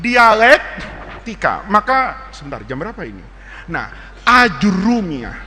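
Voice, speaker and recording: A man's voice: high voice, sing-song, measured pace, pushed and bright, long reverb tail. A man with an Indonesian accent giving a playful religious lesson to students, joking and mimicking dialects as he spells out words. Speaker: Islamic teacher.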